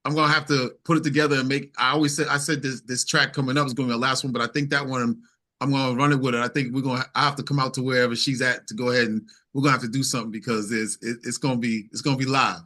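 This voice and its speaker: A singer-songwriter from New York, United States, speaks casually as an interview guest in a mid-range voice with little pitch movement and a bright, forceful tone. His delivery is halting, as he thinks aloud and repeats words.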